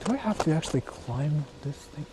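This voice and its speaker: Walking on foot through rural land, this livestream host from Japan, whose first language is Japanese, muses aloud, repeats himself, and tosses in exclamations and casual curses. He speaks a little high and a little fast, with lively intonation. Vehicle noise fills the busy outdoor audio.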